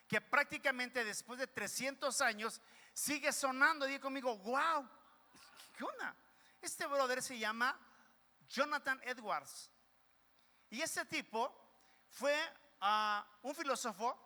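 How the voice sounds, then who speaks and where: A man's voice: very high-pitched, sharp tone. A man preaching a sermon as pastor, energetically calling on the congregation to repeat phrases after him. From Mexico. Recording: reverberant church hall with music.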